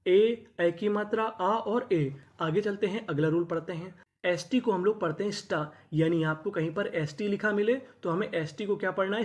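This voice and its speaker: A teacher giving a reading lesson, spelling each word letter by letter, repeating it slowly, and asking and answering its own questions. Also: medium pitch. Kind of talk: classroom-style lesson explanation.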